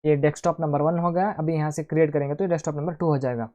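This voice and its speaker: A man's voice: a little high, steady tone, very fast, dark tone. A man hosting a casual screen-recorded computer tutorial, chatting to viewers as friends and talking through each step aloud. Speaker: tech tutorial host.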